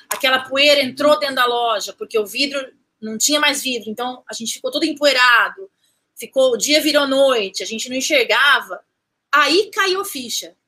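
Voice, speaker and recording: A woman, recounting a personal story as an interview guest, animated, restarting phrases and acting out what people said. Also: high voice, husky. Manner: animated, restarts phrases, acts out quoted speech.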